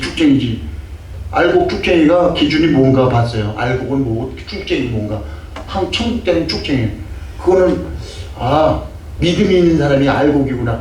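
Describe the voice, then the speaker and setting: An older man preaching a sermon as a pastor, emphatic and full of rhetorical questions, sometimes acting out scolding. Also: a little high. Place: church sanctuary. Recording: echoey distant church mic with faint noise.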